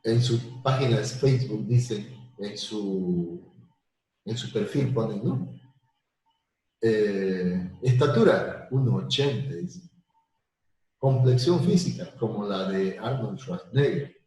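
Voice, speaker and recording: A man teaching a live online math lesson, explaining slowly with repetitions and everyday examples. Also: lowish voice, dark tone. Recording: very echoey room.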